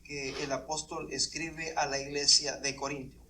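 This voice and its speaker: High bright-voiced preacher, distant mic. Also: male voice, little pitch movement, a little hiss or hum. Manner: earnest, pauses for the interpreter, rises in emphasis. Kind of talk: sermon with live interpretation.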